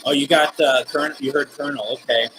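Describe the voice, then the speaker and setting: A man hosting a casual live paranormal session, asking questions in a halting way and repeating words. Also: fairly high pitch, fairly even intonation, fairly bright tone. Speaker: host of a live spirit box session. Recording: noisy, rasping scratchy static behind the voice.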